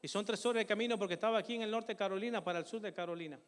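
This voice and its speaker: A man's voice: sits high, very fast. An older man preaching a sermon and telling a personal testimony in an earnest, emotional way, often calling his listeners brothers. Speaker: pastor. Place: church. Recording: long hall reverb in a church.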